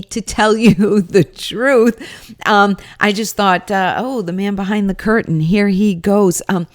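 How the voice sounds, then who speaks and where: A woman with a slightly low voice delivers casual commentary as a personal recap. She is chatty and opinionated, with a wry edge to the way she talks. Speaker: rally attendee giving commentary.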